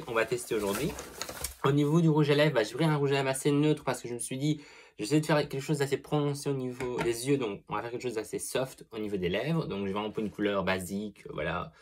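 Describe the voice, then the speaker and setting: A young man giving a casual makeup product review as a beauty vlogger, chatty and expressive, swearing freely and gushing over products. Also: medium pitch.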